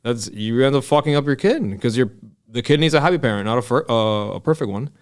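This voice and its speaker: A man's voice: mid-range voice, lively intonation, quick pace, smooth. A man in his early thirties hosting a podcast, talking in a loose, rambling, casual way with plenty of swearing and filler. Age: 30s. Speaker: podcast host. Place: Miami.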